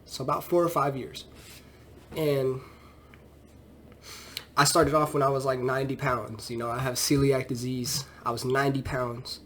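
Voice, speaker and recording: A twentysomething fitness trainer, congested from a cold, chats loosely in his vlog, filling gaps with "you know" and similar fillers. He speaks at normal speed with many pauses in a level, fairly bright mid-range voice, over slight background noise.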